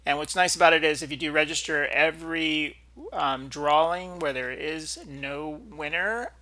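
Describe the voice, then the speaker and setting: A man hosting a video with casual, unscripted commentary, speaking haltingly and often clearing his throat. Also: on the high side, sharp tone. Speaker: video host.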